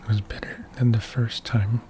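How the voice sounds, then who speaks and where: A man giving soft-spoken ASMR game commentary in a hushed, whispery voice, musing aloud in short phrases. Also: fairly low pitch, little pitch movement, moderate pace, a little hiss or hum, poor audio. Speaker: video game player commentating.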